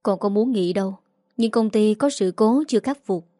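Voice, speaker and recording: Woman doing a tired young husband, calm, sighing, storybook figure, dry sound. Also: medium pitch, normal speed, dry recording, lightly acted. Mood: weary. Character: weary young male engineer, calm son.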